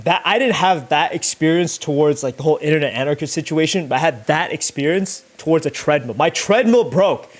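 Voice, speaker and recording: A young YouTuber livestreams himself making thumbnails, chatting casually and thinking aloud as he works. His rambling talk is slangy and full of swearing, delivered in a slightly high, expressive voice at a fairly quick pace with few pauses.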